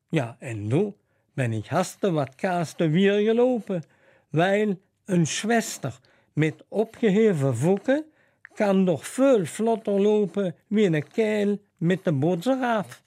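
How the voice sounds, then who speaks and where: A man's voice: high-pitched, dark tone. A man, telling a humorous story in a leisurely, dry way as presenter. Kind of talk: dialect storytelling.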